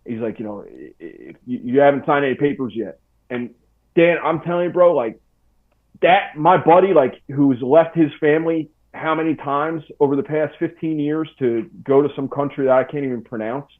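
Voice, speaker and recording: A man's voice: fairly high pitch, lively intonation, moderate pace. Chill guy in his 40s telling his story, calls everyone dude and bro, sounds like a phone line. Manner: laid-back, slangy, full of "dude" and "bro". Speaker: podcast guest. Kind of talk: casual storytelling interview.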